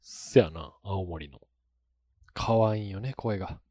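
A man's voice: low-pitched, unhurried, mellow, dry recording, studio quality. A man co-hosting a casual podcast chat, rambling a little and chuckling often between thoughts. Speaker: podcast co-host.

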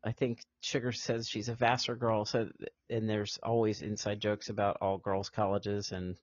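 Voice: medium pitch, normal speed, no room sound. A podcast co-host chatting about an old film, acting out quotes and laughing often. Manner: animated, acts out quotes, laughs a lot. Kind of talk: casual film discussion. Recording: dry, dull lo-fi audio.

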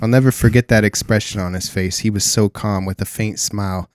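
A man hosting a comedy podcast, reading a spooky story aloud in a mock-dramatic, theatrical deadpan. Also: fairly low pitch, a little fast, dry recording, studio quality. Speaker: podcast host.

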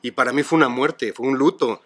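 A middle-aged man with a Mexican accent, a podcast guest who speaks calmly and reflectively about grief. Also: medium pitch, fairly quick. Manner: calm, explanatory, philosophical. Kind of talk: reflective conversation.

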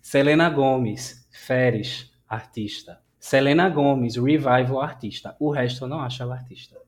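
A man's voice: mid-range voice, moderate pace. Enthusiastic chatty man hosting a podcast. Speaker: podcast host. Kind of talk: casual chat.

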